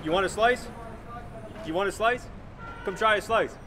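A man's voice: high-pitched, moderate pace. A man doing a casual street-side pizza review with his mouth full of pizza, repeating short phrases between bites. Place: outdoors on a busy city street. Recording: loud street noise outdoors. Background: traffic and street noise.

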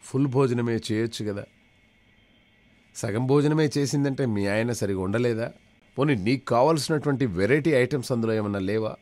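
A man's voice: mid-range voice, normal speed, a little mellow. Chatty male radio jockey telling stories. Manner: chatty, mixes English phrases, switches between voices. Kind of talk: comic storytelling on live radio.

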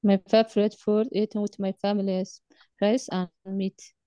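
Flat-voiced woman candidate, mellow and dull. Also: medium pitch, smooth, no echo. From Somalia. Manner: simple halting sentences. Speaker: test candidate. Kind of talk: mock exam answers.

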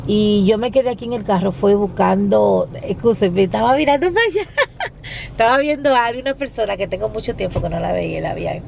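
A woman's voice: medium pitch, animated, fairly quick, vocal fry, darkish tone, slight background noise. A woman vlogger chatting casually to her viewers from inside a car, laughing often, recorded on a phone. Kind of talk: casual chat to camera. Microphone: phone camera.

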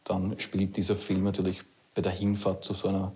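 A rescue officer in his thirties with an Austrian accent talks in a measured, explaining way. His voice sits very low and flat, with a husky edge. He is interviewed outdoors at night. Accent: Austrian German.

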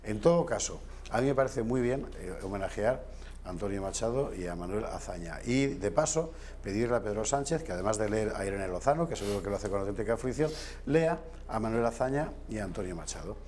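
A low-pitched man in his fifties talks on a TV news set with a lapel mic. He speaks as a guest in a studio discussion, rambling and digressive, with dry, wry asides. A faint hum of room noise sits under his voice. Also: lively intonation, a little fast, a little mellow.

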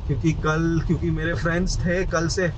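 An Indian travel vlogger chats casually in a mix of Hindi and English, inside a car and on a rainy roadside. His fairly high voice is brisk with little pitch movement, recorded by a camera at arm's length or on the dashboard amid clearly noisy vehicle and outdoor sounds.

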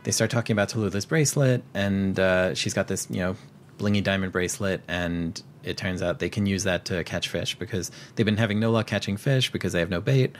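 A deep-voiced man talks through a movie's plot in a relaxed, meandering way, filling pauses with ums and restarting his sentences. A faint rumble sits under the recording. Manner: rambling with frequent fillers and restarts. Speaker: podcast co-host. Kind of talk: casual film recap chat.

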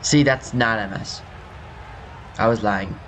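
A man's voice: fairly low pitch, slow pace, fairly bright tone. A young man giving casual, rambling commentary over his own gameplay, his voice scratchy from just waking up. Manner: rambling, self-correcting, apologetic. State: scratchy morning voice. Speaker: gaming youtuber.

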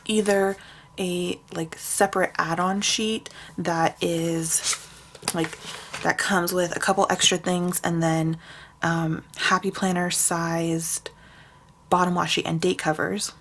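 Chatty young woman, gravelly low voice. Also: level tone, slow pace, a bit bright. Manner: rambling, chatty, lots of fillers. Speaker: planner sticker shop owner. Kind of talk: casual plan-with-me chat.

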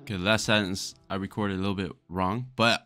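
A man's voice: low-pitched, fairly even intonation, a little fast, over loud music. Laid-back young man walking through a tutorial. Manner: laid-back, chatty, casually swearing. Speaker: music producer demonstrating a vocal preset. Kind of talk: casual screen-recorded tutorial.

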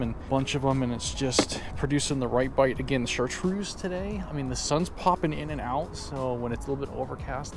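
The recording has a noisy background as a medium-pitched American man in his thirties chats cheerfully while fishing. He's a vlogger giving casual running commentary outside by a small lake.

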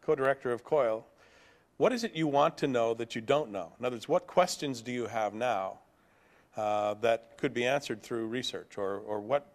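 A man's voice: medium pitch, moderate pace. A man moderating a panel discussion, putting questions with dry joking asides.

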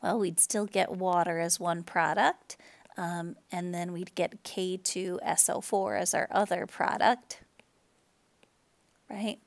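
A woman chemistry teacher giving a relaxed recorded lecture, explaining with fillers and self-corrections. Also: on the low side, slow, vocal fry.

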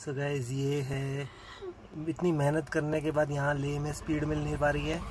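A man co-hosting a road-trip vlog, trading relaxed, offhand banter with his partner. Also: a little high, normal speed, background noise. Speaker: co-host of travel vlog. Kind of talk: casual travel vlog.

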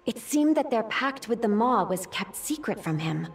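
Earnest, high-voiced winged soldier. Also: female voice, very animated, normal speed. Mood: pensive. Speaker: game character. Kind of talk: fantasy video game voice acting. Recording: distant game audio with music.

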